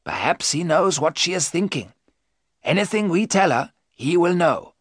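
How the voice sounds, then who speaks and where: A man voicing a grave, learned older professor and vampire hunter, speaking emphatically and deliberately in an audiobook story. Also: on the high side, very animated, slightly rough, no room sound, clean studio sound, pitched above the performer's own voice.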